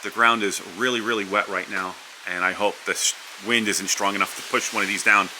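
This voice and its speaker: A man's voice: lowish voice, steady tone, fairly quick. A man narrating a casual vlog outdoors from under a house porch during a storm. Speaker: vlogger. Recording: wind, rain and hiss behind voice.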